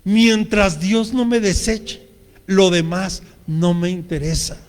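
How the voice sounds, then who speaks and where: A man's voice: high voice, fairly even intonation, takes it slowly, long reverb tail. A man with a Mexican accent preaching a sermon as pastor, speaking earnestly and addressing the congregation directly. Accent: Mexican Spanish.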